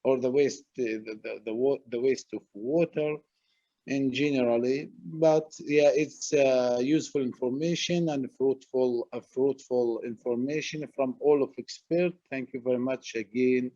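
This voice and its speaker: A man's voice: mid-range voice, steady tone, dark tone, no room sound. Palestinian man, dull call audio. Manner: halting, repeats words. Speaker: environmental inspector. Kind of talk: online meeting comment.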